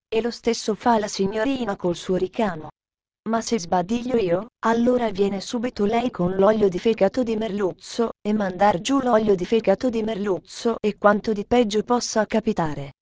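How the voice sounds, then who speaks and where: A woman voicing a lonely twelve-year-old girl who chatters in a gentle, musing way. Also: mid-range voice, close to an everyday voice.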